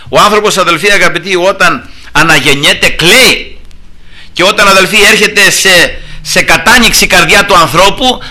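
A man preaching a fervent sermon, often addressing his listeners as brothers and repeating "thank God" as a refrain, swinging between soft asides and loud shouted praise. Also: a little high. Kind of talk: Pentecostal-style sermon.

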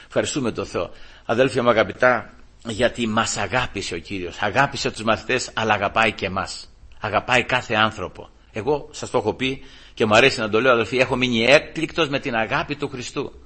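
An impassioned male preacher with a husky, bright-edged voice. He swings between soft, intimate passages and loud rhetorical questions. He keeps addressing his congregation as brothers. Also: on the low side. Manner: repeatedly addresses listeners as brothers. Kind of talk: sermon.

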